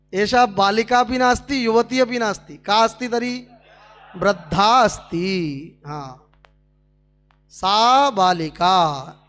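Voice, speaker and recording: A man's voice: extremely high pitch, fairly bright tone. A man teaching a Sanskrit class at a speaking camp, drilling students with questions.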